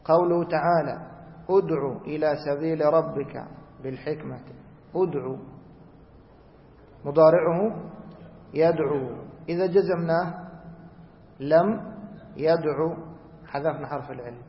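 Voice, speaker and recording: A man teaching a grammar lesson who asks the class questions, answers them himself, and repeats key rules slowly. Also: fairly high pitch. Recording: echoey hall, dull lo-fi sound.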